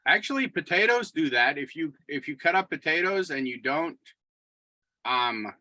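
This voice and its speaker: A man's voice: fairly high pitch, lively intonation, moderate pace, pushed and bright, rough recording. A man chatting casually as a participant in a cooking session. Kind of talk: casual chat.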